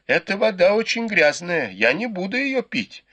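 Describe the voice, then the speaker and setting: A male reader voicing a cowardly, beaten young nobleman who whimpers and begs in shrill cries. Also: big pitch swings, a little slow, gravelly, pushed and bright, heavily acted. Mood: whimpering.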